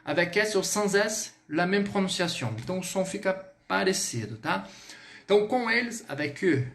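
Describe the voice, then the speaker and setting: A man with a Brazilian Portuguese accent teaching a French lesson online, lively and spelling words out slowly. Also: high-pitched. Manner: lively, drills words slowly, switches between two languages.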